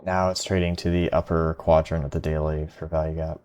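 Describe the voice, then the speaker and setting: A man's voice: a bass voice, level tone, brisk, a little mellow. A tired man talking to himself while trading live, frustrated and muttering. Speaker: day trader.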